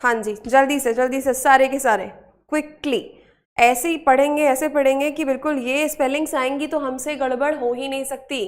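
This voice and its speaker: A woman with an Indian accent teaching English spelling in a live online class, brisk and encouraging, urging students to answer quickly. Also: high-pitched, fairly even intonation.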